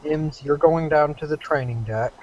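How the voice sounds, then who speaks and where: A man running a tabletop role-playing session over a dull, lo-fi voice chat line with a faint hiss behind him. He talks in a relaxed, halting way, pausing on fillers as he sets up the scene. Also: fairly high pitch. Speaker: game master.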